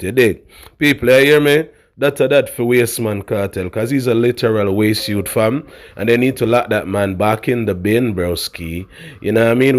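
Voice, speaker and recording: A man's voice: mid-range voice, darkish tone. A middle-aged man, giving a casual, opinionated rant in street slang, emphatic and repeating his points. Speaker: online commentator.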